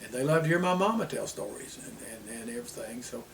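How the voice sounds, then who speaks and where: A man's voice: on the high side, very animated, fast talker, gravelly. An older man with an Appalachian accent tells family history in a folksy, rambling porch-sitter way, dropping his word endings. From Appalachian Tennessee, US. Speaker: interviewee sharing family history. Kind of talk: unhurried oral-history storytelling, like a porch sitter reminiscing. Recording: distant mic with background noise.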